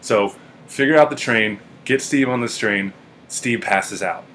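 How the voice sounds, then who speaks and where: A young man casually telling funny stories about a friend to the camera, relaxed and amused, with plenty of ums and uhs. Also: medium pitch, a little slow, a little hiss or hum. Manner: laid-back, amused, with filler ums and uhs. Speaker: friend giving a video tribute.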